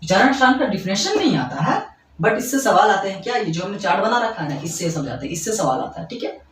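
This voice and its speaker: Teaching grammar to school students, a man with a high, fairly bright voice and big pitch swings repeats his explanations, checks they follow with "ठीक है" and quick questions, and fondly calls them kids. This classroom-style lesson is recorded in an echoey room far from the mic, with a little hiss or hum.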